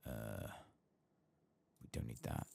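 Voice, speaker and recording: A gaming streamer with a soft voice talks through his gameplay in a slow ASMR style, murmuring to himself close to the mic and now and then sinking nearly to a whisper.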